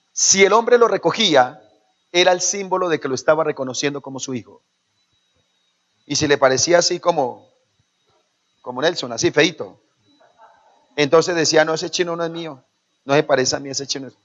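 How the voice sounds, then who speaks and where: A man's voice: a little high, a bit bright. A man with a Colombian Spanish accent preaching a sermon as pastor, calling out to the congregation and acting out quoted parents. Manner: preaching with call-and-response to the congregation; acts out quoted parents in shifting voices. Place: church. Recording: dull lo-fi sermon recording.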